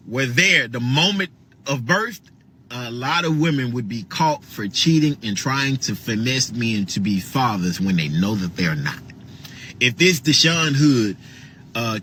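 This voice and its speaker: Bright-voiced man giving forceful commentary. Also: a little high, husky. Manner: forceful, repeats words for emphasis. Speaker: commentator in a reaction clip. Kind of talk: opinionated commentary.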